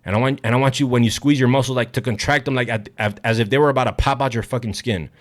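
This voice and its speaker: Speaking straight into the camera for a fitness vlog, a young man coaches bluntly, hyped up and swearing constantly. His pitch is medium, his tone steady, and he talks quickly while sounding somewhat winded.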